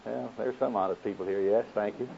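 A man's voice: fairly low pitch, fairly even intonation, fairly quick, creaky. A man with an Oklahoma accent preaching a folksy sermon, quoting scripture and putting questions to his listeners. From Oklahoma, United States. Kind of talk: sermon teaching with scripture quotations. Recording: muffled, narrow phone-like sound.

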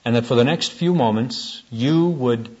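A husky-voiced man preaches at a church gathering with a folksy, earnest storytelling manner. He was born in the United States. The recording is muffled and lo-fi. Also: medium pitch, measured pace, darkish tone. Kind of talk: sermon with storytelling. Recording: dull lo-fi recording.

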